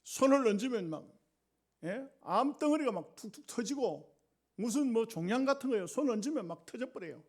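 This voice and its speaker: High-voiced male pastor telling a dramatic story. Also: lively intonation, moderate pace. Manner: dramatic storytelling, voice often sinking low and quiet. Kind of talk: sermon.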